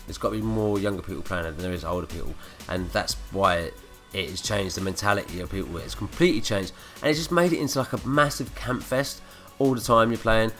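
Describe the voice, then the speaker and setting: A man's voice: on the low side, a little fast, hardly any pauses, fairly bright tone. A man with a blocked nose from a cold, ranting and swearing through gameplay commentary. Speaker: gaming commentator. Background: faint background music.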